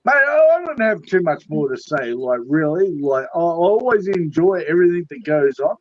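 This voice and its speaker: Man, 30s, heated panelist, sweary and repetitive; high, muffled, dry. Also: very animated, normal speed. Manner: swearing, blunt, repeats himself. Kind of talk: heated casual chat.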